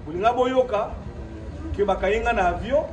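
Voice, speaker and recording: Over music, a man with a Congolese accent from the Democratic Republic of the Congo speaks at normal speed in a high voice. At his own press conference in an echoey room on his premises, he gives a partly improvised French-and-Lingala statement, defiant and emphatic, repeating himself and posing rhetorical questions. The mic is distant and the background noisy.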